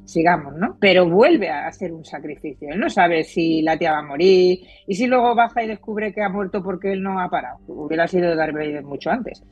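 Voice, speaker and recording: A woman's voice: on the low side, expressive, brisk, hardly any pauses, darkish tone, slightly rough. A woman psychologist with a Spain Spanish accent explaining at length in casual chat, with frequent restarts. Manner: explanatory, many restarts, laughs easily. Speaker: psychologist guest. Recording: dull lo-fi dry audio.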